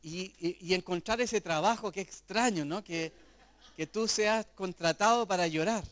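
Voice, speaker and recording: A man's voice: high-pitched, normal speed, fairly bright tone. A middle-aged man preaching a sermon in an earnest, conversational way, full of rhetorical questions. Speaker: pastor.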